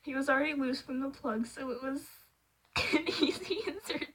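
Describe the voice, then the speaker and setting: A woman's voice: high voice, noisy background. Flustered woman reading fan fiction aloud. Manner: flustered, laughing, breaks off to react. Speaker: channel host.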